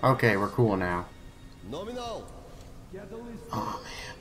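A man's voice: fairly low pitch, extremely slow, over music. A man giving casual let's play commentary, chatty and playful, talking to himself and to the enemies on screen. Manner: playful, jokey asides.

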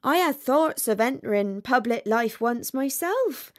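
Woman doing a chatty peaceable girl duck for a kids' story, drawn-out words, really slow. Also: fairly high pitch, expressive. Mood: placid, practical. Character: peaceable, practical female duck, homely and chatty. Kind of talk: storybook character reading.

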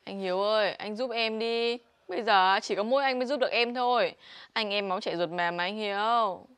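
Girl playing a whiny little sis, northern vietnamese accent, bright higher voice, begging a lot. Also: fast talker, close to an everyday voice. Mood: wheedling. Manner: whiny, wheedling, pleading. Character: young woman Thảo, scatterbrained whiny younger sister. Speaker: actress in comedy sketch. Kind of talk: village comedy sketch acting.

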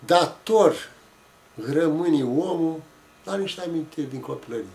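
A man tells a story from his childhood. His voice sits fairly high for a man, and his delivery is slow, reflective and homespun. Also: darkish tone. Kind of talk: folksy oral storytelling.

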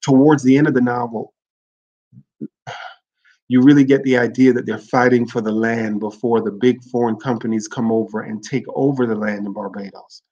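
A man's voice: medium pitch, steady tone, moderate pace, dark tone. Earnest man talking books, dull audio. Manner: earnest, reflective, restarts phrases to correct himself. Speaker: livestream host discussing literature. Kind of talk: informal literary talk with read-aloud excerpts.

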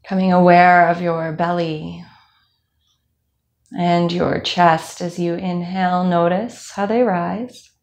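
A young woman instructor leading a calm guided body scan meditation, speaking slowly with soft fillers. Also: on the low side. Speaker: movement instructor.

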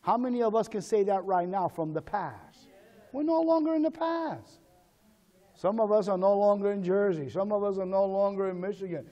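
A male pastor preaching a sermon in call-and-response style, swinging between shouted calls and low asides. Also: fairly quick, hardly any pauses, big-room sound, highs cut off.

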